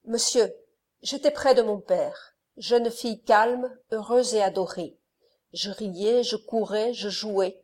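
A woman reading the part of a young wronged countess in an audiobook, with a firm, measured voice. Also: medium pitch, darkish tone. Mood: reproachful.

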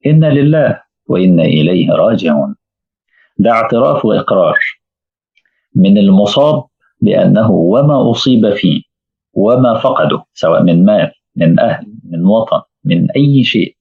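A man's voice: fairly low pitch, expressive, normal speed, creaky, breathy edge. A man with an Egyptian Arabic accent giving a religious lesson, telling stories and posing rhetorical questions. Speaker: preacher. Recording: tinny phone-like audio.

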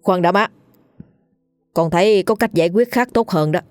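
A woman's voice: fairly low pitch, moderate pace, darkish tone, no echo, faint music behind, natural voice. A woman voicing a cruel, spoiled young rich man who speaks with mocking menace. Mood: menacing.

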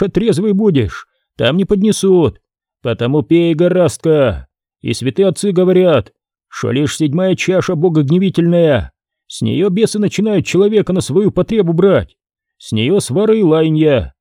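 A man's voice: on the high side, mellow, no room sound, clean studio sound, pitched above the performer's own voice. A man voicing a drunk guard who insistently urges his companion to drink. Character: drunk persistent male guard, preachy.

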